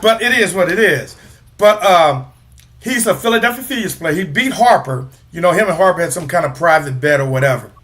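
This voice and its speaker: A man with a high, bright, forceful voice, talking sports on a casual podcast. He is animated and loves to tease, trash-talking the teams he hates. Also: a little fast. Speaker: podcast co-host.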